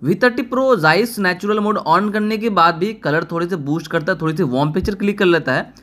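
A man narrating a casual voice-over review as a tech reviewer, steady and explanatory, walking the viewer through each detail. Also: sits high, brisk.

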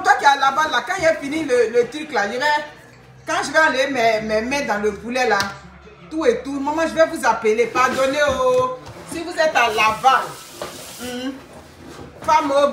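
A woman's voice: high voice, a bit bright, distant mic. A middle-aged woman, hosting a casual livestream and pleading with her viewers, repeating herself and talking to them directly. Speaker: livestream host recruiting workers. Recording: echoey room, voice away from mic, faint noise.

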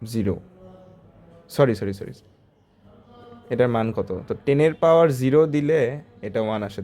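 A man's voice: on the low side, mellow. Guy explaining exam math problems, conversational, keeps asking if you follow. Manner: conversational, asks the listener short checking questions. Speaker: math tutor.

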